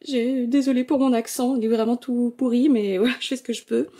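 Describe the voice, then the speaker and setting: A young woman talks through her shelves in a casual vlog, gushing and chatty. Her voice sits a little high, and she fills the gaps with small hesitations. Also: steady tone, a little fast, warm tone. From France. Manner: chatty and enthusiastic, gushing, many euh fillers. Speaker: manga collection vlogger. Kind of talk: casual shelf-tour vlog narration.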